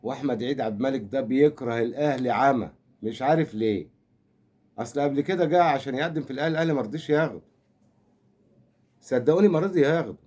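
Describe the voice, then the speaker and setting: A man's voice: mid-range voice, very fast, long pauses, a little mellow. An older man with an Egyptian accent, rambling and teasing through a comic football rant. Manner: rambling, teasing, mock-consoling. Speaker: football fan commentator.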